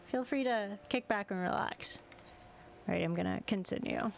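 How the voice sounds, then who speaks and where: A woman's voice: medium pitch, moderate pace, vocal fry, slight background noise. A woman livestreaming a game in a cute, bubbly anime-streamer way, chatting casually and greeting viewers effusively. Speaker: VTuber streamer. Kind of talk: casual livestream chat over a video game. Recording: game music behind the voice. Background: game music.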